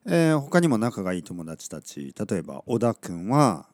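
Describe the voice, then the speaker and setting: Lively low-voiced man teaching casually. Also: normal speed, dry recording. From Oita, Kyushu, Japan. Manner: relaxed, chatty, many soft fillers, self-correcting. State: slightly scratchy throat. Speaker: Japanese teacher podcaster. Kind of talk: casual podcast lesson monologue.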